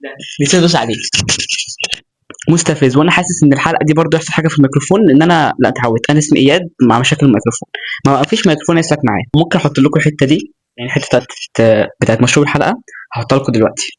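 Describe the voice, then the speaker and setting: A man's voice: on the high side, racing. A young man with an Egyptian accent giving casual motivational talk to camera, earnest and chatty, with joking asides. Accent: Egyptian Arabic. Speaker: self-improvement vlogger.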